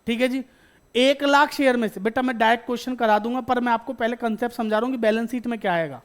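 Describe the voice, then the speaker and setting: A male teacher lectures a classroom in an extremely high-pitched, fast, clean-toned voice. He fires questions at the students, calling them "beta," repeats every point, and answers himself before moving on.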